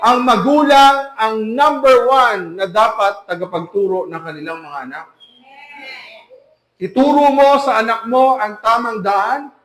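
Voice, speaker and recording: A man's voice: high voice, measured pace, a bit bright, reverberant, slight background noise. A man preaching an emphatic sermon as pastor, full of rhetorical questions to the congregation. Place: church hall.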